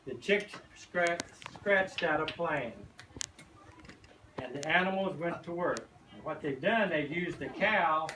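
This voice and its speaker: A man's voice: fairly high pitch, slow. Older man, folksy grandpa storybook reader. Roomy, distant mic, noisy background. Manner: folksy, explains pictures to children. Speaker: grandfather reading to a first grade class, farmer. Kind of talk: reading a children's storybook aloud with asides. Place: echoey indoor classroom.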